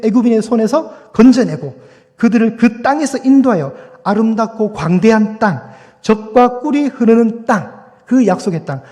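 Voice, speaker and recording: High-voiced pastor preaching in reverberant hall. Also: male voice, dark tone. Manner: conversational preaching with rhetorical questions to the congregation. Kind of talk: sermon. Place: church sanctuary.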